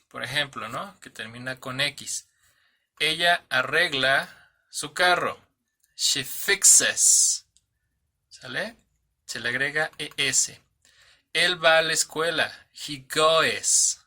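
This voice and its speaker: A man with a sharp, slow, somewhat high voice teaches English grammar, patiently spelling out letters. He frequently checks in with "¿sale?" and "¿ok?" and corrects himself along the way.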